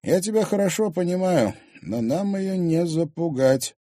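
A man's voice: high-pitched, animated, measured pace, dark tone, no echo, clean studio sound, voice pushed up. A man voicing a cautious, doubtful teenage boy with a skeptical manner. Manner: skeptical, hesitant.

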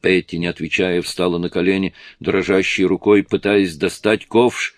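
A man reading a novel aloud in steady, measured audiobook narration. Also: low-pitched, no echo. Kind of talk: scripted narration.

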